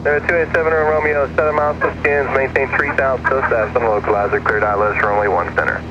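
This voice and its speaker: This male approach controller speaks fast in a medium-pitched, steady voice, giving terse instructions by radio. His transmission comes through muffled and noisy, carrying engine drone and the sound of an aircraft cabin behind it.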